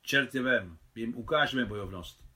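A hot-tempered lady of the house bristles with indignation, voiced by a male reader. Her voice sounds bright and sharp. It is a storybook reading. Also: medium pitch, very animated. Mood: indignant. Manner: fiery, indignant.

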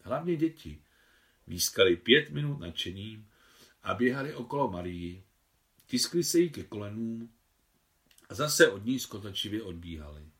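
A man calmly narrating a novel in a measured audiobook reading, as the translator of the text. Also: lowish voice.

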